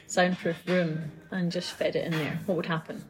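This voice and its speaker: A woman co-hosting a casual podcast chat as a dog behaviourist, lively and questioning, quick to laugh. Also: lowish voice, noisy background. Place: festively decorated room with background music.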